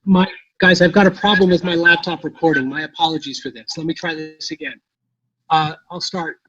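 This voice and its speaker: A man giving public comment at a council meeting by phone. The call audio is glitchy and keeps breaking up. He is polite and apologetic, halting with many "uh"s. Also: fairly high pitch, fairly even intonation, a bit bright. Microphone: phone dial-in. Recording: muffled lo-fi call line with faint noise.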